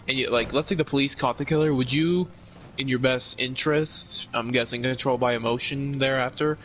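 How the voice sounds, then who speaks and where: A man's voice: mid-range voice, a bit bright, slight background noise. A man chatting casually while gaming, profane and teasing his friend. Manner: profane, teasing, laughs a lot. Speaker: friend playing along.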